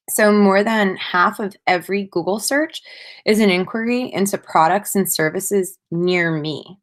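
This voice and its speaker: A woman with a medium-pitched, slightly bright voice gives a prepared marketing presentation as a conference speaker. Her delivery is measured and scripted-sounding, with emphatic phrasing.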